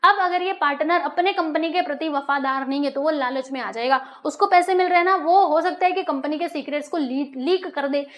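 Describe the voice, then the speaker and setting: A woman teacher giving a classroom lecture. She keeps checking in with her pupils and slows down to read textbook lines aloud. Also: high voice, a bit bright. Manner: asks pupils frequent rhetorical checks. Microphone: recorded for an online lecture video.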